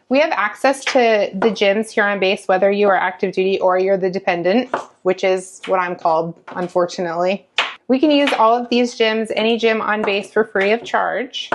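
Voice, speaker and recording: Woman, military spouse vlogger, chatty explainer, wry asides, mid-pitched voice, lapel mic, small kitchen. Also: slight background noise. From United States. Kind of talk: casual explainer vlog. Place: small temporary lodging apartment kitchen, indoors. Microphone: clip-on lapel mic.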